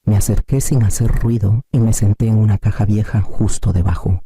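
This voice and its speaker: A man narrating a first-person family drama in a steady, scripted storytelling manner. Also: fairly low pitch, moderate pace, breathy edge, no room sound, clean studio sound.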